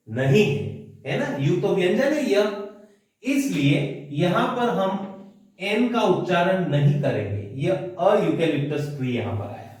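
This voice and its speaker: A man with an Indian English accent teaches a grammar lesson at a whiteboard, walking through each point and checking in with the viewer. His voice sits high. He is recorded from a distance in a strongly echoing room. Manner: explains step by step, asks the viewer questions. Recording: very echoey room, voice from off the mic.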